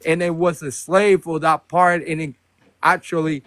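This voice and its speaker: A man's voice: on the high side, flat delivery, moderate pace, a bit bright, no echo. A man from Rico, calling into a live stream and arguing with passion, often repeating himself. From Puerto Rico. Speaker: caller. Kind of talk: heated debate on a live stream.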